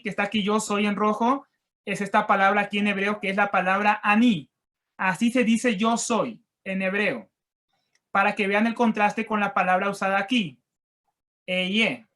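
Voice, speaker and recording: A man teaching a Bible lesson online and walking listeners through slides. He reads verses and Hebrew words slowly and carefully, stressing and repeating key phrases in a measured teaching voice. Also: high-pitched, fairly bright tone. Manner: slow, deliberate reading of scripture and Hebrew words.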